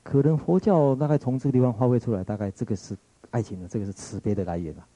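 A man's voice: medium pitch, fast talker, warm tone, dry recording, low-quality recording. A man with a Taiwanese Mandarin accent giving a reflective lecture, retelling a story in a musing way, often searching for words and restarting.

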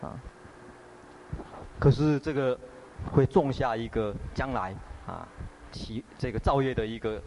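A man's voice: medium pitch, unhurried, pauses often, a little mellow, a little hiss or hum, poor audio. Man giving a chatty dharma talk. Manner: conversational, filler-laden, asks the audience. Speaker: Buddhist teacher.

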